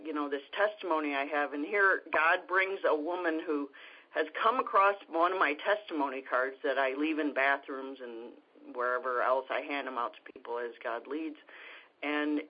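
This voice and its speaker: Woman, husky voice, halting casual testimony, muffled lo-fi recording. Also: sits low. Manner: halting, many fillers and restarts. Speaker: guest sharing a testimony. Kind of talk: casual personal storytelling.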